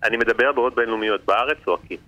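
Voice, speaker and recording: A man appearing as a guest lawyer on a radio show, speaking in a measured, reflective way. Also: medium pitch, bright, forceful tone, rough recording. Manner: measured, reflective, quotes sayings. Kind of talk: radio interview answer.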